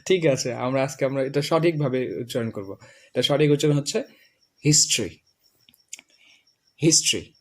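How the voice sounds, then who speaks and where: Bengali-accented male tutor, patient classroom drills, repeats each word slowly. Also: medium pitch, darkish tone. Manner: drills words slowly, repeats them for a student. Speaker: English pronunciation teacher. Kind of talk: classroom lesson.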